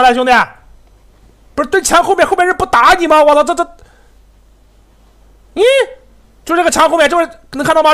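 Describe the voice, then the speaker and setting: Excitable man, lively pitch. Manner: excitable, swears often, laughs, talks to teammates. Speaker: game streamer. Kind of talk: live gameplay commentary.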